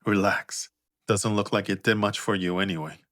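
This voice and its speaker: Male narrator's take on a prickly young male athlete, tense and sarcastic, deep, dry read. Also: fairly even intonation, moderate pace, a bit bright, no echo, lightly acted. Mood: mocking. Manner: tense, clipped delivery. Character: defiant young male curler, prickly and mocking.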